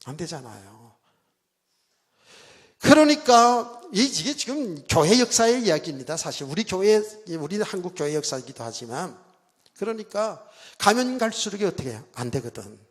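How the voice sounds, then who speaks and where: Animated Korean pastor in echoing church. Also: male voice, sits high, moderate pace. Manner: animated storytelling, mimics a revival preacher shouting. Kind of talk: sermon. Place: church sanctuary. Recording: church hall reverb.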